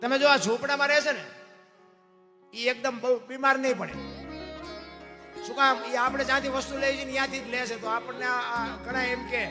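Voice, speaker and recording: A man's voice: extremely high pitch, steady tone, brisk, long pauses. A man telling a live dayro story on stage, folksy and preachy, calling his listeners bapu. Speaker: folk storyteller. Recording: reverberant hall with music behind.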